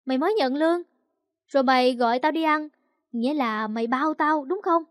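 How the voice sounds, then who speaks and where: A woman storyteller puts on a cheeky teenage boy, playful and teasing, who jokes around with his friend. The voice jumps up high and lively, on a dry, close recording. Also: fairly quick, no echo, lightly acted.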